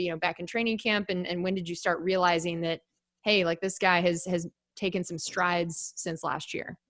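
A woman interviewer asking a football player friendly, measured questions. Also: fairly low pitch, no room sound, studio quality.

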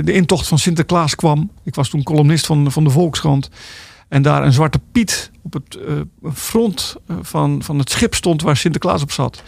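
A man's voice: a little high, creaky, a little mellow, dry recording. A middle-aged man, an author, talking as a guest in a radio interview, hesitant and full of filler sounds and restarts.

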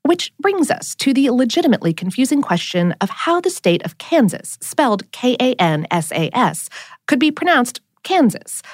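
A woman narrates a scripted podcast explainer with a wry, playful edge. Her voice sits a little high and swoops through a very animated range. The recording is close and dry. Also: no room sound. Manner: wry, lively storytelling with playful asides. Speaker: podcast host.

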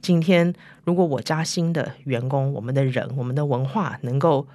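Low-voiced woman, foreign-tinged Mandarin with English mixed in. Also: normal speed, warm tone, no echo. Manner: mixes English words and tags like "right" into Mandarin. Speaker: interview guest, company chief executive. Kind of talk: conversational interview answers. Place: recording studio.

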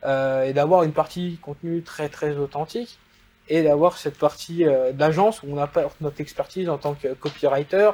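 A man's voice: a little high, moderate pace, warm tone. A man with a French accent, a guest in a casual interview, explaining at length with many fillers. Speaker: guest, e-commerce agency founder.

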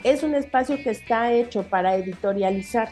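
Brief: Mexican woman, high pitch, blunt and profane podcast co-host. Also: brisk, darkish tone, soft background music. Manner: emphatic, profane ranting. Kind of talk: heated podcast commentary.

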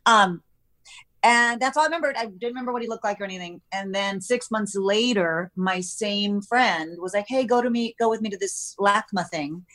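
A woman's voice: medium pitch, normal speed. Woman guest, casual talk, story told with bouncing quoted voices. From United States. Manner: animated storytelling with acted-out quotes. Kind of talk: casual chat.

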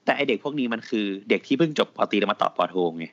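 Young man, low voice, hesitant filler-heavy chat, muffled recording. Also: expressive, very fast, a bit bright. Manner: hesitant, many fillers, mixes English words. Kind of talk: casual chat. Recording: dull lo-fi sound.

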